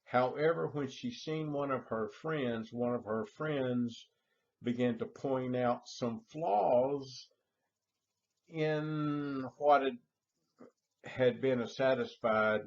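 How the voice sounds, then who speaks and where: A middle-aged man, preaching a sermon in a slow storytelling manner and repeating his phrases. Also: mid-range voice. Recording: dull lo-fi recording.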